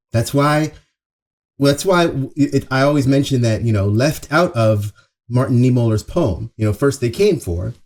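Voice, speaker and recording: Animated, husky man hosting a monologue. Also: medium pitch. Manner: earnest, emphatic, conversational, with pauses and repetition for stress. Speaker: show host. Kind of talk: opening monologue, half-scripted social commentary.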